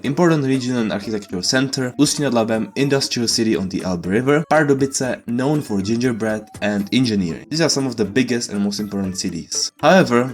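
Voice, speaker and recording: A young man from Czechia, telling his life story in a casual, playful voice-over with sarcastic asides. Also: fairly low pitch.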